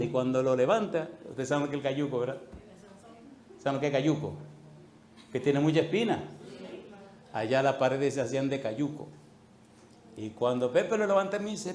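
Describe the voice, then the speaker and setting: Animated storytelling pastor, echoey room. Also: male voice, mid-range voice. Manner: animated, acts out voices in anecdotes. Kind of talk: storytelling sermon.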